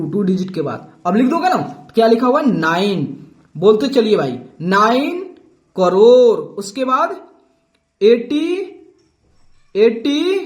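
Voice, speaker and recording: Guy teaching math, keeps nudging the kids, very animated sing-song voice. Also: very high-pitched. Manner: coaxing and repetitive, calls the viewer "bhai" and "dost"; upbeat and encouraging. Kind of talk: classroom lesson explaining to students.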